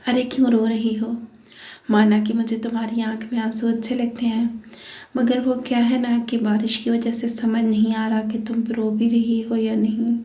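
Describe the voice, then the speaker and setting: A woman's voice: on the high side, monotone, moderate pace, mellow, natural voice. Woman reading as a cruel taunting husband. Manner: taunting, mock-tender. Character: cruel taunting young husband, mocking and cold. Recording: echoey room.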